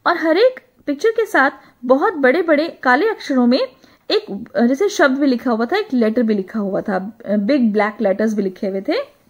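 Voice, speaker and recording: Woman, high pitch, teacher, reads a story then retells it, hesitant fillers. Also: lively intonation. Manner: reads English lines slowly, then retells them in Hindi. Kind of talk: reading a story aloud and explaining it.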